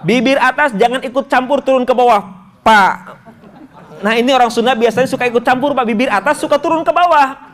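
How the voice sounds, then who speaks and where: Male Quran teacher, high-pitched, playful, drills sounds slowly. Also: fairly bright tone. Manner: jokey, coaxing, models sounds slowly. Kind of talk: Quran pronunciation lesson.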